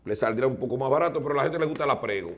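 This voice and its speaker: A man with a Dominican accent, arguing emphatically as a TV panelist in a lively studio debate. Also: medium pitch. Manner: emphatic, insistent, lists items rapidly.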